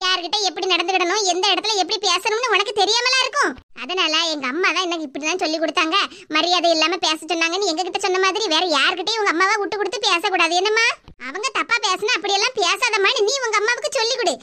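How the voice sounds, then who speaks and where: A woman's voice: extremely high pitch, fast talker, bright, forceful tone, pitched below the performer's own voice. A woman voicing a stern older aunt in a cartoon, lecturing in a Kanyakumari Tamil accent. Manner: scolding, lecturing. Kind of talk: animated cartoon voice acting.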